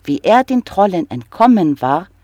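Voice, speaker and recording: A narrator reading a fairy tale aloud in a slow, expressive storybook manner. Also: mid-range voice, dry recording.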